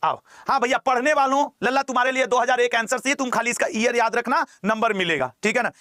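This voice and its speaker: Male exam coach, very high voice, dry close sound, jokey lecturing, repeats key terms. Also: fast talker, pushed and bright, dry recording. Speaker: teacher.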